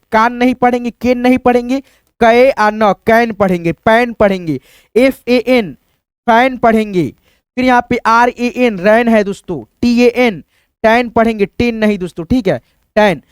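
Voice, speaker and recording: A man's voice: extremely high pitch, smooth, no room sound, clean studio sound. A man, teaching English spelling and sounds to beginners, repeating himself and answering his own questions. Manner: repetitive, keeps saying "friends", asks and answers himself. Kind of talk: Hindi spelling lesson for beginners.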